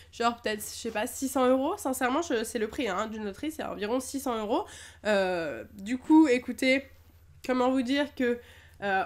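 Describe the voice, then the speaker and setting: A young French woman chatting through an unboxing vlog, enthusiastic, with many fillers. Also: high-pitched. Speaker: YouTuber unboxing Pokémon lottery prizes.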